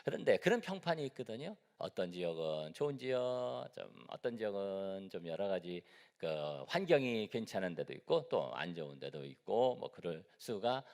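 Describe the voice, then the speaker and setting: A middle-aged man from Seoul, a pastor giving a conversational sermon in a church and asking the congregation questions. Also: mid-range voice. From Seoul, South Korea. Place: church sanctuary. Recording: echoey church hall.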